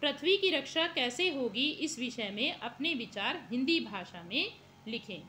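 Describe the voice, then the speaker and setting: A woman leads a classroom lesson in a high, bright voice. She reads each word pair at an unhurried pace, then adds quick explanations. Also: lively intonation, a little hiss or hum. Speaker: Sanskrit teacher.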